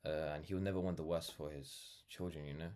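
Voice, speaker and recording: A young man from London, a vlogger and brand founder, speaks off the cuff to camera in a reflective, earnest monologue with a notably low, slightly mellow voice. He talks briskly with fairly even intonation, rambling and leaning on "like" and "you know."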